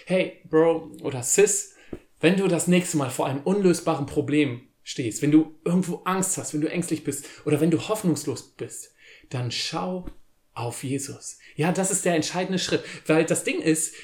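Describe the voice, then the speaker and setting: A man's voice: fairly high pitch, darkish tone. A man hosting a short casual devotional video, who reads a scripture passage and then retells it loosely with slang and restarts. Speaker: youth devotional host.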